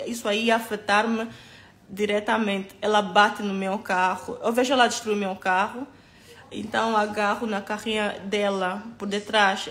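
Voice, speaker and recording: A woman's voice: mid-range voice, a bit bright. A woman recounting an incident to camera in casual storytelling, emphatic and hesitant, with many asides.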